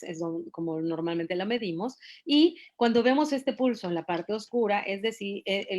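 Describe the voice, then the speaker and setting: Mexican woman lecturing with tag questions. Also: medium pitch. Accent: Mexican Spanish. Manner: explanatory, many fillers and tag questions. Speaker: bat researcher giving a talk. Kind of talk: academic lecture on bat acoustics.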